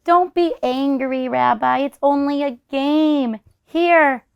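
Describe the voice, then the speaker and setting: A woman's voice: high voice, slow, creaky, muffled recording, pitched above the performer's own voice, full character voice. A woman voicing a kindly, chatty elderly grandmother in a children's storybook, fussing and exclaiming as she hosts. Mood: lively, soothing.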